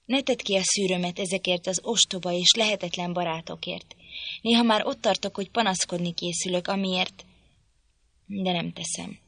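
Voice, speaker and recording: A woman's voice: on the low side, steady tone, vocal fry, a bit bright, no echo. A woman voicing a brooding, resentful young man in an audiobook, speaking in a heated, reproachful way. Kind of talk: audiobook reading.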